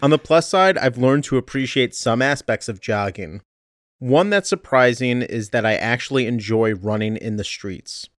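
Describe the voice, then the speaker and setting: A man's voice: mid-range voice, normal speed, dry recording, soft background music. A man recording a casual podcast update from under a blanket, chatty and self-deprecating. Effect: recorded under a blanket, muffled and dry. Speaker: podcast host. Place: under a blanket at home during a heat wave.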